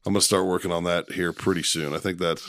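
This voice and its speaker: A man's voice: deep voice, level tone, fast, a bit bright, slight background noise. A man in his forties, a podcast host talking casually and bluntly, swearing often. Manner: profane, blunt. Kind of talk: casual chat.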